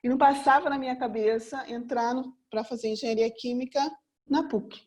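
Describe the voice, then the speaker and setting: A woman's voice: fairly high pitch, steady tone, fairly quick, a little mellow. A Brazilian woman from Rio in her fifties, a mentor and therapist, giving an earnest motivational seminar talk and returning again and again to one rhetorical question. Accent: Brazilian Portuguese. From Rio de Janeiro, Brazil. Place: room before a live audience.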